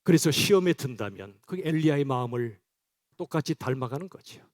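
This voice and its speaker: A man's voice: medium pitch, lively intonation, fairly quick. A male pastor preaching a sermon in church, speaking directly and conversationally to his congregation.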